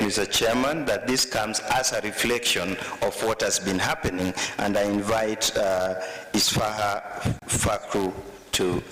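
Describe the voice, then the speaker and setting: A man giving a formal, deliberate legal submission for the applicants. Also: on the low side, a bit bright. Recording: echoey hall with long reverb.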